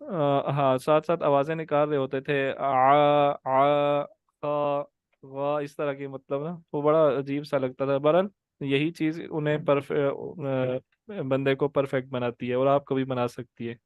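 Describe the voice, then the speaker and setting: Smooth-voiced man teaching tajweed. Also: medium pitch, level tone, no room sound, narrow, tinny audio. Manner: patient, drills sounds and calls students by name; drawn-out demonstrated letter sounds. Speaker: Quran recitation teacher. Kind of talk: online tajweed class. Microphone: video call.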